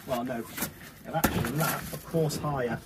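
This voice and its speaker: A young bricklayer talks through his work in a relaxed, slangy way as he builds. He is recorded outdoors on a building site by a camera on site. Loud work noise fills the background. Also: medium pitch, moderate pace. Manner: relaxed, explains while working, slangy. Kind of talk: casual on-the-job vlog.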